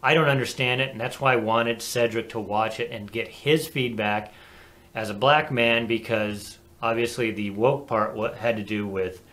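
A man co-hosting a casual talk show, animated and chatty, laughing easily. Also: mid-range voice, normal speed. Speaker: co-host. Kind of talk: casual chat.

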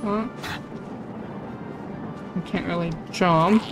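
Her voice sits on the low side with a steady tone, and she talks extremely slowly, musing aloud and rambling informally while she plays on a casual game stream. Video game music can be heard behind her.

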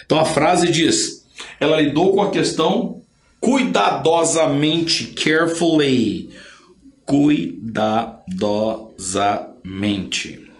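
A man's voice: on the high side, slow pace, roomy sound. A man with a Brazilian Portuguese accent teaching an online English lesson. He talks emphatically, drills phrases by repetition and pushes learners to work hard.

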